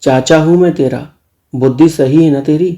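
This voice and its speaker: Male narrator as a bossy teasing uncle, low and dark in tone. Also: moderate pace, lightly acted. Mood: scolding. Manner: teasing, scolding.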